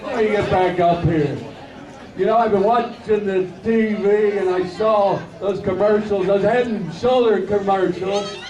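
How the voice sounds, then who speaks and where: A man's voice: high-pitched, steady tone, unhurried, muffled recording. A man voicing a bald, boisterous old football-fan puppet in a live comedy act, with folksy, silly wisecracks. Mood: rowdy, playful. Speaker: puppet stand-up entertainer. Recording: echoey noisy crowd hall, distant microphone.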